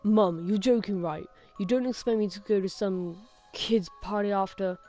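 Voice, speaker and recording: A woman's voice: mid-range voice, normal speed, warm tone, faint music behind, close to an everyday voice. A woman voicing a guilt-ridden teenage boy in a read-aloud creepy story, sullen and protesting. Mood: sulky.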